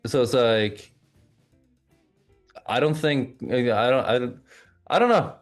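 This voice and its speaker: A man from Oslo, raised bilingual in English and Norwegian, chats casually as an interview guest, often repeating words while he thinks. His mid-range voice is animated but unhurried, with faint music in the background.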